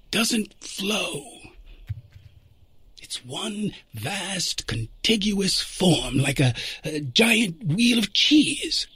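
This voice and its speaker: A man's voice: sits high, fairly bright tone, slightly rough, dry recording, pitched above the performer's own voice, heavily acted. A man voicing a genteel older time traveler who muses and lectures with small stammers.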